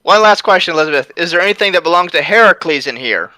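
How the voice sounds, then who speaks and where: A man playing a tabletop game, thinking aloud in quick, scattered bursts. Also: on the high side, animated, pushed and bright, no echo, poor audio. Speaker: player. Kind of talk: casual tabletop play.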